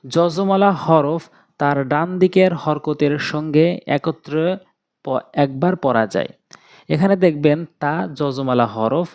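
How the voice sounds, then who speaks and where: A man with a Bangladeshi Bengali accent teaching Quran reading step by step, slowly drilling and repeating letter sounds. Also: a little high, darkish tone. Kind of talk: step-by-step recitation lesson.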